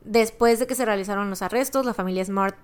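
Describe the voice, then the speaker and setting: A woman's voice: mid-range voice, fast talker, smooth. Podcast co-host, woman, Mexican accent, chatty and slangy storyteller. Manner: chatty, slangy, recounting a case with asides. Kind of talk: casual true-crime podcast chat.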